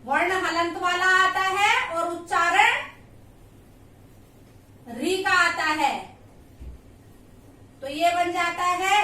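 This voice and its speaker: A woman's voice: very high voice, bright, forceful tone, heavy reverb, far from the mic. A woman teaching grammar, patiently repeating sounds and asking checking questions. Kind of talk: classroom lesson.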